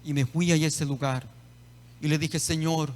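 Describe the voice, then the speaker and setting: A man preaching a sermon as a pastor, telling personal testimony with emotional swells and quiet stretches. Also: on the high side, steady tone, measured pace. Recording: long hall reverb.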